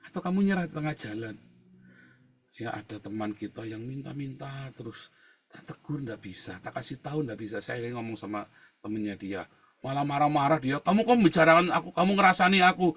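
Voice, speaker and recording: A male pastor with a husky, slightly rough voice preaches in a loose, conversational way. He keeps turning to his listeners directly, then drops to quiet asides before rising into loud, emphatic bursts. His pitch sits in an ordinary middle range. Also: brisk. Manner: conversational preaching, constantly addressing listeners as brothers and sisters. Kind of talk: sermon with personal testimony.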